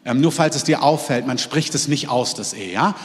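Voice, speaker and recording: A man preaching a sermon to his congregation, lively, moving between loud exclamations and quiet, intimate asides. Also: mid-range voice, moderate pace, long reverb tail. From half French, in Germany. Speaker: pastor. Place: church hall.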